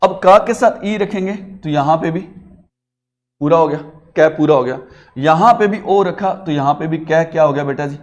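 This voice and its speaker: A man with a somewhat high voice teaches a classroom grammar lesson. He coaxes his pupils along with questions and answers them himself. He calls them beta as he talks them through it. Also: normal speed, dull audio. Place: classroom with a digital board.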